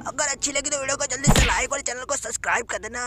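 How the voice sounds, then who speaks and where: A YouTuber giving a quick, chatty outro to viewers. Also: sits high, very noisy.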